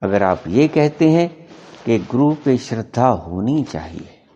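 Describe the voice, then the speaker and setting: A man giving a spiritual discourse as a teacher, explaining slowly and deliberately and repeating his key points for emphasis. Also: medium pitch, very animated, mellow, dull audio, a little hiss or hum. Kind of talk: spiritual discourse answering a question.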